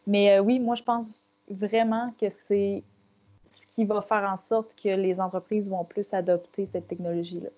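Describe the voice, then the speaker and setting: A woman's voice: medium pitch, little pitch movement, a little slow, dark tone, dull audio. A woman with a Québécois French accent, a panelist explaining her views in a round-table discussion, thoughtful and full of fillers.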